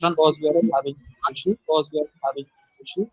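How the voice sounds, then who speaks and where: A man hosting an online class, speaking haltingly with fillers while a delayed echo of his own voice repeats each phrase. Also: a little high, steady tone, muffled recording. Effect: his own voice echoes back as a delayed repeat of each phrase. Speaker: host of an online exam-prep class. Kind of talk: closing announcements on a video call. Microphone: video call.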